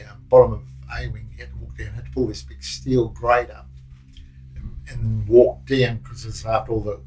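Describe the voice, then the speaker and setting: An older Australian former prison officer recalling stories in a loose, rambling way with plenty of restarts. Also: male voice, medium pitch, a little mellow, slight background noise, rough recording. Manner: rambling, broken anecdotes with many restarts. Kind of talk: casual recollection.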